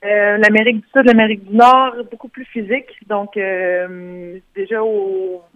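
A woman answering interview questions as a guest boxer, relaxed and hesitant with fillers. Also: medium pitch, unhurried, dry recording. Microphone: phone. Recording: tinny phone line.

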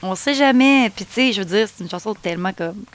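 A woman's voice: mid-range voice, fairly quick. Laughing Québécois woman singer guest. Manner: animated storytelling, laughs easily, lots of fillers. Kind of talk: casual interview chat.

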